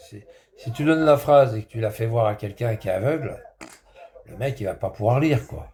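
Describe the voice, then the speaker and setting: A man's voice: mid-range voice, moderate pace, darkish tone, slight background noise. A man chatting casually in a rambling, repetitive way, with crude slang. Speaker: vlogger. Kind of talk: casual vlog chat.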